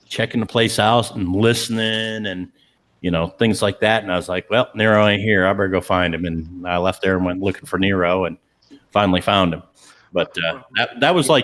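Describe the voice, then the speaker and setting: A man's voice: on the low side, a bit bright. A man telling a ghost story in a laid-back, drawling way, with many fillers. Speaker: paranormal investigator. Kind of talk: casual storytelling.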